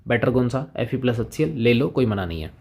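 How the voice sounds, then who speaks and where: A man's voice: medium pitch, expressive, fast, vocal fry, a little mellow. A man teaching chemistry in a casual lecture, chatting with students and playing both sides of the conversation.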